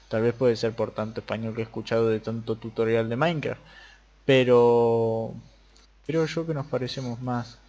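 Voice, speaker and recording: A young Argentine man talking casually over a modded Minecraft game, jumping between quiet mutters and excited yelps. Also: mid-range voice. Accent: Argentine Spanish. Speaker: gaming youtuber. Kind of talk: casual Minecraft let's play commentary.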